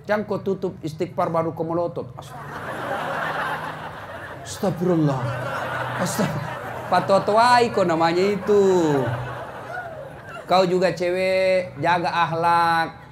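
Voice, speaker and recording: A middle-aged man preaching a comic sermon to a crowd, swinging from shouts to low mutters as he acts out scenes. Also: steady tone, a little slow, background noise.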